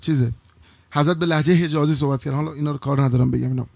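Gravelly preacher man, dry close sound. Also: steady tone, no room sound. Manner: swings from hushed to loud, high-pitched emotional outbursts; drawn-out chanted Arabic phrases. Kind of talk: storytelling sermon.

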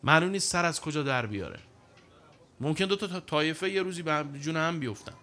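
Animated, emphatic male preacher. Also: a little high. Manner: animated, emphatic, recites Arabic scripture. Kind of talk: sermon.

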